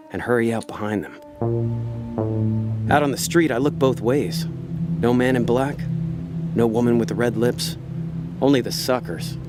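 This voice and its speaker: A lowish-voiced actor, only lightly acting, takes the role of a world-weary, cynical con man in a hardboiled noir radio play. The delivery is laid-back, wry and slangy, with prominent background music underneath.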